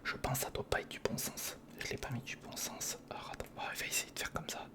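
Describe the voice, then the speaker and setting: This male ASMR creator talks fast in a breathy whisper, muttering informal remarks as he builds something. The commentary drifts between talking to himself and addressing the viewer.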